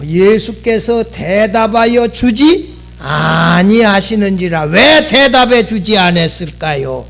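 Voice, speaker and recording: A middle-aged man, preaching a sermon as pastor in an animated way, acting out quoted lines. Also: high voice, creaky.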